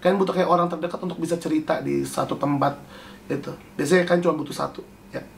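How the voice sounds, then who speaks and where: A young man with a high voice hosts a casual chat, answering viewer questions in an animated, loose manner. His pitch jumps up each time he reads a question aloud. He talks at a quick pace with vocal fry, and there is a little hiss or hum.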